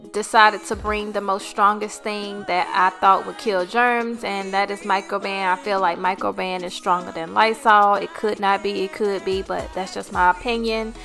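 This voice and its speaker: An American woman narrates a vlog voice-over in a casual, chatty, informal way. Her medium-pitched voice has vocal fry and sounds pushed and bright, with background music playing.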